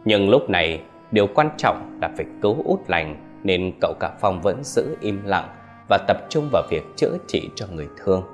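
Lively low-voiced male storyteller. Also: normal speed, faint music behind. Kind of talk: scripted horror story narration.

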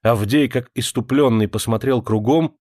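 A man reading a classic novel aloud in a measured, expressive storytelling voice. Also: medium pitch, no room sound, studio quality. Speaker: audiobook narrator. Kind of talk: scripted literary narration.

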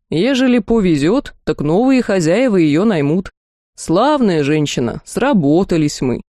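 A woman's voice: lowish voice, dark tone, no echo, clean studio sound. A woman voicing a small bearded male house spirit with folksy, rustic speech, in a storybook reading.

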